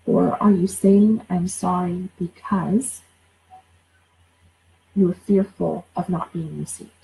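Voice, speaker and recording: Blunt, gravelly-voiced woman coach in her forties. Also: lowish voice, steady tone, takes it slowly, dark tone, poor audio. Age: 40s. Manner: blunt, swears, repeats words when fired up. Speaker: life coach. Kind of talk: casual livestream talk.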